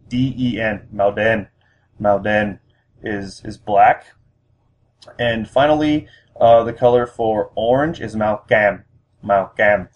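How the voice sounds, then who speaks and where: Patient man teaching a language lesson. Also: lowish voice. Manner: patient, step by step, many fillers and restarts. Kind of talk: recorded spoken lesson.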